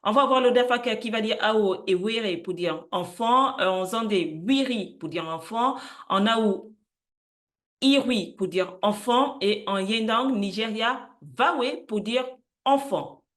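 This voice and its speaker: A woman presenting an educational explainer, listing words slowly and carefully, with frequent hesitations. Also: a little high, a bit bright. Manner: unsure of pronunciation in languages she does not speak. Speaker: channel host presenting word roots.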